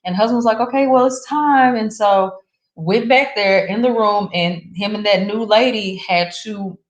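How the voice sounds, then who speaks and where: A woman co-hosting a casual talk show who tells stories with animated emphasis. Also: moderate pace, highs cut off. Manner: animated, jumps high in pitch when emphatic. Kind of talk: casual storytelling chat. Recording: roomy echo.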